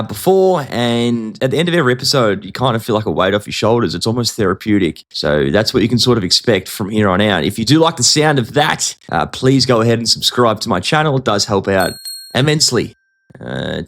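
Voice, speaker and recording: A man's voice: mid-range voice, fairly bright tone. Chatty, joking male host in his thirties, casual solo podcast. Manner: jokey, chatty, self-deprecating.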